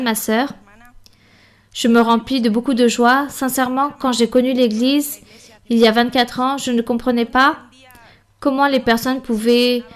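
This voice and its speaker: Higher-voiced woman interpreting a Bible study.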